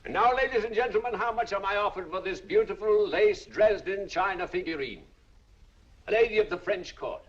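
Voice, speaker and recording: A man's voice: high voice, fairly quick, close to an everyday voice. An actor playing a male auctioneer, coaxing bids with showy sales patter. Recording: dull old film soundtrack.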